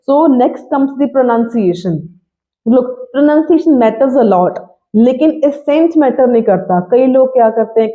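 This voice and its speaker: A woman teacher, explaining step by step in a fairly high voice. The sound is thin and tinny, as if it came down a phone line. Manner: explaining, mixes Hindi and English. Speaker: IELTS teacher. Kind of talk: online lesson.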